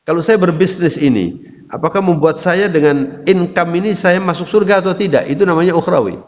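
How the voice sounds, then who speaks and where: A man's voice: sits high, a little fast. A man giving a conversational Islamic sermon, addressing listeners directly. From Indonesia. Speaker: Islamic preacher. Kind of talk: religious talk to an audience. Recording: lo-fi recording in a reverberant hall.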